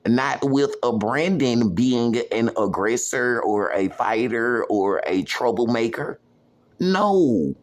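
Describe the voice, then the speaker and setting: A man's voice: medium pitch, slow pace, few pauses. Emphatic man in a rambling monologue. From United States. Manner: repetitive, emphatic, heavy use of "you know". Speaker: vlogger. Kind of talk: personal monologue to camera.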